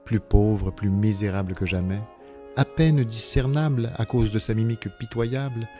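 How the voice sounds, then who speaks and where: A man reading a literary story aloud in a measured, expressive way. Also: lowish voice, soft background music. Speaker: reader.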